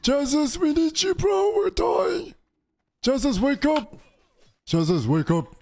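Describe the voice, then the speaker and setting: Very high-pitched and creaky, a young man talks slowly while streaming a game and teasing his friends in voice chat. The recording is dry, made close to a boom-arm studio mic in his home streaming room, and his manner is playful, jumpy and animated.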